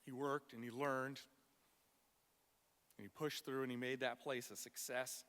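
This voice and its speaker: A man delivering a prepared funeral eulogy for a friend, tender and measured, in short phrases with weighted pauses. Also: mid-range voice, little pitch movement, a bit bright. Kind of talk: prepared memorial speech. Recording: long echoing reverb of a hall.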